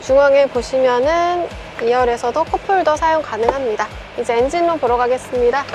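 Working as a used car dealership presenter, a young woman speaks in a high-pitched, fairly quick voice during a polite, methodical scripted walkaround of a car. Music plays in the background as she moves through a large indoor showroom, the car's interior and a garage.

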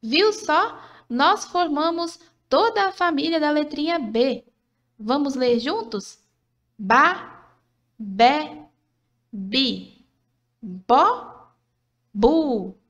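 A woman's voice: high voice, lively intonation, a bit bright, highs cut off. A woman narrating a scripted literacy lesson for children, patient and encouraging, sounding out syllables one by one. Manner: slow, patient, syllable-by-syllable teaching; encouraging, asks questions then answers them.

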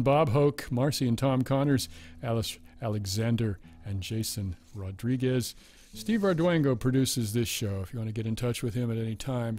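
A man hosting a live radio music show, reading credits and sponsor notes and chatting with a guest in a relaxed, laughing way. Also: medium pitch. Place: radio studio.

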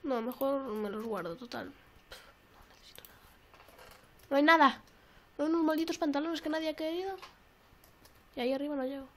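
Young woman, high voice, excitable gameplay commentary, repeats herself. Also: fast, pauses often. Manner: excitable, repeats phrases, swears often. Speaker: gaming YouTuber. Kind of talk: casual let's-play commentary.

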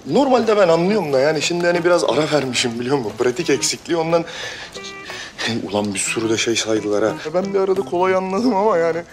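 A man playing a blustering shop owner, broken English, lively pitch, music underneath. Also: fast, natural voice. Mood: boastful. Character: boastful middle-aged kebab shop owner man. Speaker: restaurant owner. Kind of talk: sitcom acting.

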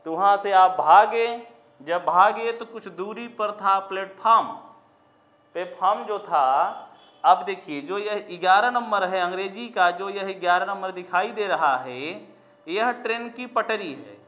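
A man's voice: high-pitched, measured pace, bright, forceful tone. A man teaching a Sanskrit coaching class, repeating mnemonic chants and asking the students questions. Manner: sing-song repetition of mnemonic chants, rhetorical questions to students. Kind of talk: exam-prep classroom lesson with mnemonic stories. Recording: roomy classroom, dull lo-fi sound.

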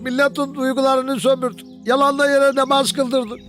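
A fed-up, guilt-ridden schemer in a film comedy. He laments emphatically in a very high male voice, with music behind him. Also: little pitch movement, moderate pace. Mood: remorseful, fed up. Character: guilt-ridden, fed-up man wanting out of a swindle.

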